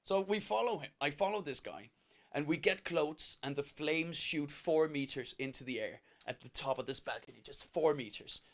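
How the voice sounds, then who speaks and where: A man doing stand-up comedy, telling an animated, self-mocking story. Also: fairly high pitch, normal speed.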